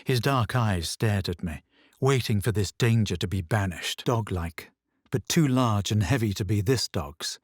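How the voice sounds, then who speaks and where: A video game voice actor plays a self-assured young fantasy hero, delivering scripted voice lines, narration and quips. His low voice has a husky edge and a solemn, narrating mood, and he speaks with measured superiority as if every phrase were written out. The recording is close and dry, with no room sound.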